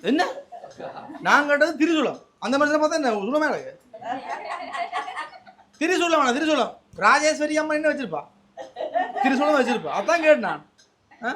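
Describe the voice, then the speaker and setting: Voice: sits high, very animated, moderate pace, long pauses, crowd noise. A presenter with a Sri Lankan Tamil accent, delivering a surprise gift and chatting in a playful, teasing way. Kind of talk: casual on-camera banter.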